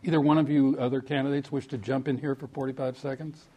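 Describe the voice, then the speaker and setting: A man's voice: mid-range voice, little pitch movement, quick pace, lo-fi sound. A man moderating a political debate in a formal broadcast hosting style.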